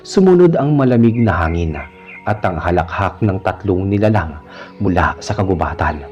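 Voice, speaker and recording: Low dark-voiced male horror narrator. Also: animated. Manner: measured storytelling. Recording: dull lo-fi recording with faint music. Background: faint music.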